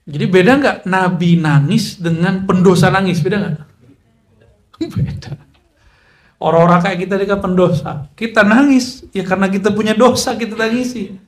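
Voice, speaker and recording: A man's voice: sits high, brisk, echoey room. A man preaching a casual religious lecture, joking with listeners, mixing in recited Arabic. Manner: chatty, joking asides, Arabic recitation mixed in. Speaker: Islamic preacher.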